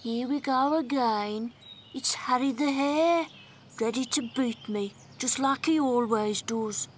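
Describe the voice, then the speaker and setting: A polite, resigned tortoise from a children's cartoon. The voice is high and slow, measured yet melodic, with noise clearly behind it. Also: female voice. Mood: resigned, gloomy.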